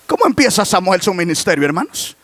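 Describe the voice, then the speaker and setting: A male pastor preaches a sermon, asking the congregation rhetorical questions and breaking into shouts. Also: high-pitched, very animated, fast, dry recording.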